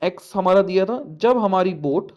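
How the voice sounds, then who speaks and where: High-voiced coaxing male maths teacher. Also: lively intonation, moderate pace, darkish tone, muffled recording. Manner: coaxing, asks students questions, repeats points. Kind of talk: classroom lesson explanation.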